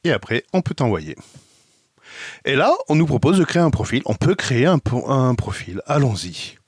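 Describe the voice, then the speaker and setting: A man's voice: medium pitch, very animated, moderate pace, husky, dry recording, clean studio sound. A man with a France French accent, a video blogger chatting casually and explaining a website step by step as he thinks aloud. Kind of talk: casual screen demo. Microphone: headset.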